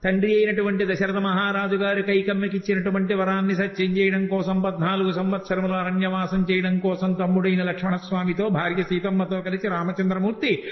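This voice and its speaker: Older guy preaching a devotional story, acts out the voices, chants verses, echoey dull hall recording. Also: high voice. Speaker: spiritual speaker.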